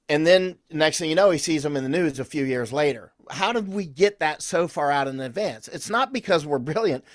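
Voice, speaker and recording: A man with a slightly high voice speaks as a podcast guest in clean studio sound with no echo. In a conversational interview, he tells rambling, anecdotal stories full of restarts, punctuated by confident, emphatic declarations.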